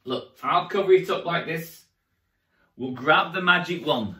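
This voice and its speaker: A man's voice: fairly high pitch, lively intonation, unhurried, bright, forceful tone. A middle-aged man performing as a kids' party magician, telling stories to children in an exaggerated, playful way, recorded in an echoey room. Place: indoor room with curtain backdrop. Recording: echoey room, distant microphone.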